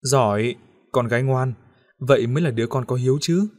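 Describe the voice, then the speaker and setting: A man's voice: mid-range voice, a little fast, darkish tone, lightly acted. A man voicing a manipulative middle-aged father in an audiobook, speaking in a sweet, coaxing way that hides menace. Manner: coaxing and wheedling, turning to harsh threats.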